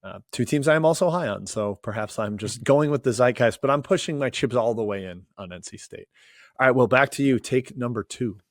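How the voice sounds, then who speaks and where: A man co-hosting a sports podcast, giving relaxed, measured analysis with hedging fillers. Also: mid-range voice, no echo, studio quality. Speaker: co-host. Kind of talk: casual sports podcast chat.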